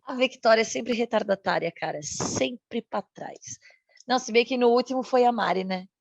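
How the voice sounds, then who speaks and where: A woman in her thirties from Santa Catarina, co-hosting a podcast with measured reading and teasing banter. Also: a little high, creaky, no room sound, lo-fi sound. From Santa Catarina, Brazil. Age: 30s. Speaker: podcast co-host. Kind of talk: podcast chat and scripted reading.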